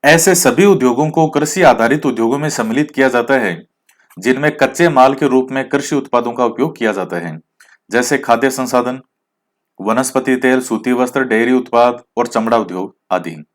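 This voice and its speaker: A man's voice: mid-range voice, normal speed. A man teaching an exam-prep lecture, who asks questions and answers them himself, mixes in English words, and admits his rustic pronunciation. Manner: explains, then quizzes with questions he answers himself.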